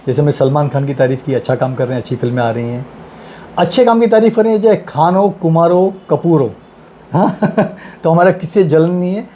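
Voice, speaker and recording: A man's voice: a little high, lively intonation, brisk, dark tone, slight background noise. A man co-hosting a gossip chat, agreeing readily and laughing along as he adds stories. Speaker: gossip show co-host. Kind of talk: casual chat.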